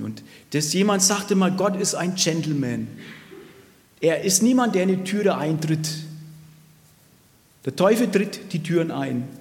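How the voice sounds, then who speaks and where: High-voiced preacher man in a reverberant hall. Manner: earnest, repeats phrases for emphasis. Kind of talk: sermon.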